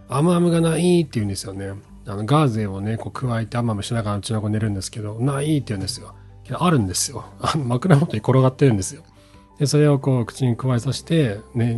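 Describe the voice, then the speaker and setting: A man in his thirties hosting an advice show, reading a listener's letter and answering in a relaxed, conversational way with many fillers. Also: mid-range voice, breathy edge. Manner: conversational, frequent fillers, acts out quotes. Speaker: podcast host answering listener questions. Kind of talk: advice talk.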